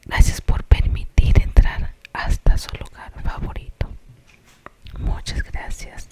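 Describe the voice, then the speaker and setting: Hushed and unhurried, this Colombian-accented voice spins a suspenseful ASMR story, stopping occasionally for asides that explain what's happening.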